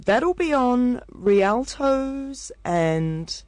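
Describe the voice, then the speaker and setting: A woman's voice: a little high, lively intonation, very slow, a little mellow, no room sound. A woman with a New Zealand accent reviewing films on the radio, enthusiastic and chatty, with lots of fillers and restarts. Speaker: film reviewer. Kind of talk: casual radio chat.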